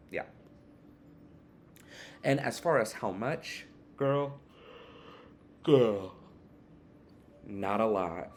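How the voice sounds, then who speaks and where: A tired man answering tag questions in a relaxed, rambling casual chat at home, yawning now and then. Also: lowish voice, slight background noise. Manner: relaxed, rambling, with fillers and restarts. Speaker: witchcraft vlogger answering a tag. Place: one-bedroom apartment.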